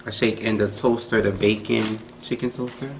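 A man's voice: fairly low pitch, little pitch movement, moderate pace, noisy background. A young man, joking around as co-host while he eats. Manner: laid-back and joking. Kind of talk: casual chat while eating.

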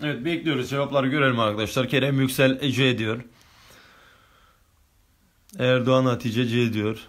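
A man's voice: mid-range voice, fairly even intonation, normal speed. A male teacher running an online grammar lesson, reading exam questions aloud and working through each answer step by step with his students.

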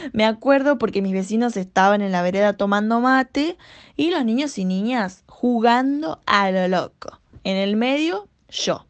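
A young woman with an Argentine accent performing a dramatic monologue in a slow, theatrical storytelling manner. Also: a little high. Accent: Argentine Spanish. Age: young adult. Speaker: acting student.

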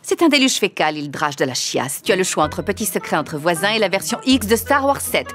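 A woman voicing a manager character in a comedy parody dub, brisk and deadpan. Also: fairly low pitch. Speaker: comedic voice actor. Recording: music underneath.

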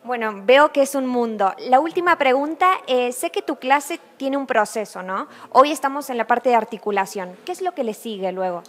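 Woman reporter asking questions, kinda high voice, curious. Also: lively intonation, moderate pace, few pauses. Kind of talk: interview questions.

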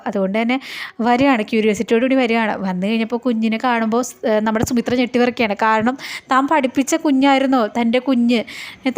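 A woman casually retelling a TV serial episode in a chatty storytelling way, often adding friendly tag words. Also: sits high.

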